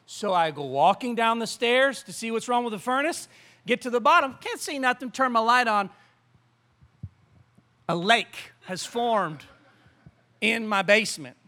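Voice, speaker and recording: A man preaching a sermon, telling a story in an animated, rambling way with many restarts. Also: extremely high pitch, unhurried, pauses often. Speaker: pastor.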